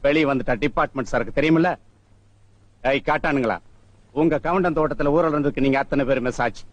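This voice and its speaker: A man's voice: a little high, quick pace, no room sound, lo-fi sound, lightly acted. An actor playing an arrogant village police officer who bullies and threatens a jailed man and his wife. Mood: shouting orders. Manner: threatening, bossy, sneering. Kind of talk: film comedy scene.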